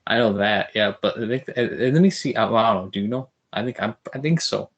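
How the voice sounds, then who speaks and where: A man's voice: on the low side, quick pace, slightly rough, lo-fi sound. A man hosting a podcast interview, joking and enthusiastic in casual chat. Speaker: podcast host.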